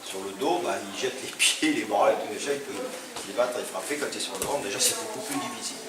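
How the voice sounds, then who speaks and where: A man's voice: lowish voice, fast. A man teaching a self-defense class, explaining holds step by step while demonstrating on a partner. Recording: echoey hall, distant mic, noisy.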